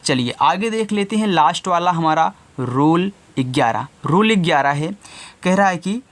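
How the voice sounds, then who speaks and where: Male teacher, slow deliberate delivery, repetitive question-and-answer drilling. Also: fairly high pitch, animated, fairly bright tone. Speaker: English teacher. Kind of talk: slow classroom-style lesson.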